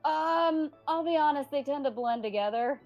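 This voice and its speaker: A woman's voice: high voice, moderate pace, darkish tone, dull audio, faint music behind. Chatty woman voice actor guest. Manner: modest, chatty, laughs easily. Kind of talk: casual interview answers.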